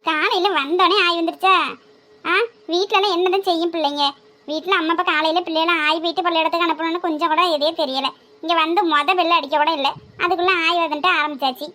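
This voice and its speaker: A woman's voice: extremely high pitch, fairly even intonation, fast, pushed and bright. A woman playing a middle-aged school cleaning maid who rants and complains. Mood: grumbling. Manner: complaining, scolding rant.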